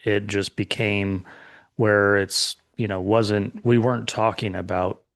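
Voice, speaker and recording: A middle-aged man co-hosting a casual chat, talking slowly and thoughtfully with many restarts. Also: lowish voice, flat delivery, no room sound, clean studio sound. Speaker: podcast co-host.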